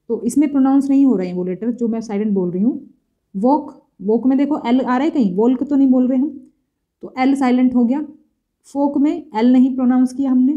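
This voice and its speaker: Indian woman teacher, high mellow voice, patient step-by-step grammar lesson. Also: highs cut off. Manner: steady, methodical, walks through examples one by one. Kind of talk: explaining English grammar in Hindi.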